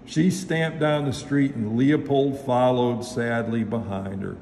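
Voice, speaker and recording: A man reading a children's picture book aloud with lively, expressive storytelling. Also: mid-range voice, takes it slowly. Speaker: storybook reader, local official. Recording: echoey hall, faint noise.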